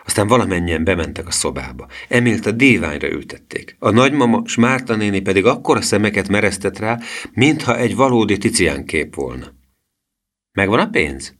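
Deep-voiced male audiobook narrator. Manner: steady, storytelling. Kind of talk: children's book reading.

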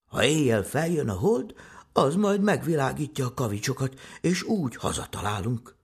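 A man's voice: medium pitch, sing-song, creaky, breathy edge, voice pushed up, heavily acted. Storybook little boy, brave and reassuring, raised and eager, played by a male narrator.

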